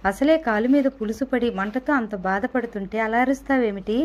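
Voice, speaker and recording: A woman's voice: a little high, brisk, darkish tone, natural voice. A woman voicing a frank, outspoken young woman who stands up for her friend.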